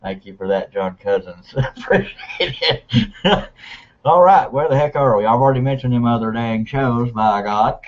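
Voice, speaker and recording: A man's voice: mid-range voice, fairly quick, hardly any pauses, a little mellow. A man from Texas co-hosting a live video call show, joking and rambling in casual chat. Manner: joking, rambling, self-mocking. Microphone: video call mic. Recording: muffled video call audio.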